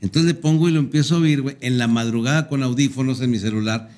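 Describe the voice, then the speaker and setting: A middle-aged man with a northern Mexican accent hosts a casual podcast chat. His voice sits at an everyday pitch, and he talks crude and slangy, always joking and laughing at his own stories. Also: quick pace, darkish tone. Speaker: podcast host.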